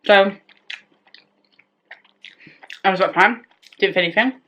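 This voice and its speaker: In a fairly low, fairly bright voice with fairly even intonation, a woman vlogger recounts something that happened to her at a moderate pace. It's casual story-time talk, rambling, with frequent self-interruptions as she restarts sentences.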